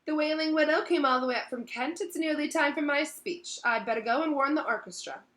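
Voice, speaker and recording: A woman voicing a proud, stiff, easily wounded gentleman ghost with a formal manner, in a storybook reading. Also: high voice, moderate pace, pitched above the performer's own voice. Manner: formal, pompous. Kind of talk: storybook read-aloud.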